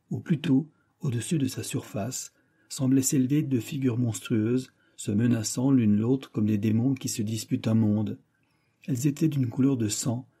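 A man narrating a classic novel as an audiobook, reading in a measured, dramatic way. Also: mid-range voice, mellow, husky. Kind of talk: scripted narration.

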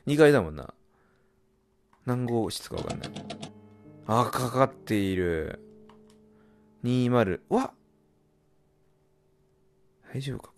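A man doing horror game commentary, muttering and reading game text aloud, then bursting into loud startled yelps. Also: medium pitch. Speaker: let's play gamer.

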